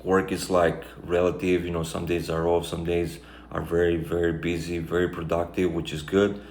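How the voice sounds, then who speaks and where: Romanian man, low monotone, reflective vlogger, casual chat, roomy sound. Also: moderate pace. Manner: reflective, rambling, many fillers. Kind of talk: casual life-update monologue. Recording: echoey room, faint background noise.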